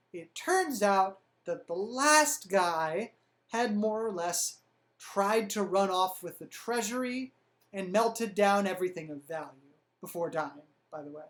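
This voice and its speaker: Woman host, comedic history narrator, wry and sarcastic, plain natural voice. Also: mid-range voice.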